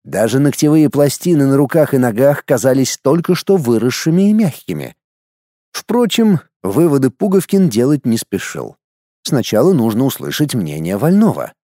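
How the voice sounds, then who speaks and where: Reading a novel aloud for an audiobook, this male narrator uses a medium-pitched voice and a measured, expressive storytelling style. The sound is clean studio audio with no room echo.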